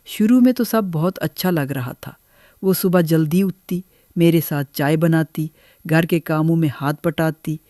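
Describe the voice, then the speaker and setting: Older woman gently narrating her own story. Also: low-pitched, dry recording, studio quality. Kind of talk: first-person story narration.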